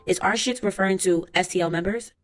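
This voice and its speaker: A woman's voice: medium pitch, fast, soft background music, natural voice. A woman reading as a methodical trial lawyer. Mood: formal. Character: courtroom lawyer questioning a witness. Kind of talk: transcript read-aloud.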